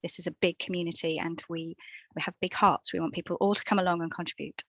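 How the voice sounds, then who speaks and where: A woman's voice: fairly low pitch, fairly even intonation, fast, no echo, low-quality recording. Woman hosting online conf, upbeat, welcoming, dry close mic. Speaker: conference host. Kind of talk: hosting a virtual conference. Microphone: video call.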